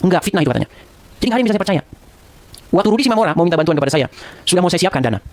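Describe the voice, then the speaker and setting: A man delivers a rapid-fire rebuke straight to camera, repeating the name of the person he is scolding. His voice sits high and his pitch keeps climbing as he presses each point. The sound is dry and close, with no room echo. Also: lively intonation.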